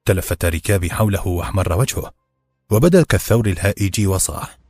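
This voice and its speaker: A man narrating a novel in a steady, measured storytelling voice. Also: sits low, soft background music. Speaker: audiobook narrator.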